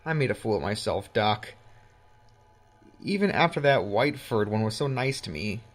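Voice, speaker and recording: A man's voice: fairly low pitch, expressive, normal speed. An actor playing a shaken young man who has just been stunned and is anxious and confused.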